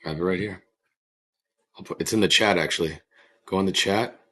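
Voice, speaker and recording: A man hosting a casual podcast, his voice hoarse and croaky like a frog because he is sick. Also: low voice, fairly quick, sharp tone. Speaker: podcast host.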